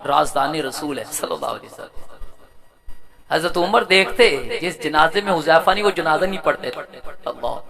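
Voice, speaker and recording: A man with a Punjabi accent preaching a Friday sermon, swinging between loud shouted bursts and low quiet asides, and chanting Arabic hadith text. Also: animated, moderate pace, creaky. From Pakistan.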